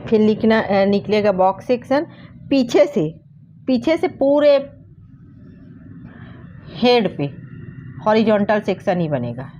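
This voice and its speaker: Woman, hairdressing teacher, mellow voice, chatty repeats, dull lo-fi sound. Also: medium pitch, very animated, takes it slowly, pauses often, a little hiss or hum. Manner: chatty, repeats key terms with "theek hai". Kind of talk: casual hands-on tutorial.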